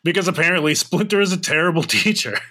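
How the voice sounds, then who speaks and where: A man's voice: a little high, lively intonation, quick pace, bright, forceful tone. A man hosting a casual podcast chat over a remote call, joking and flustered by tech trouble. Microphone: remote call recording.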